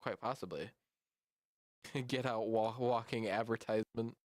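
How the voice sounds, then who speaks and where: A man's voice: lowish voice, measured pace, darkish tone, dry recording. A man streaming live, chatting casually with his viewers in a rambling way while reacting to memes. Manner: rambling and chatty, talks to chat.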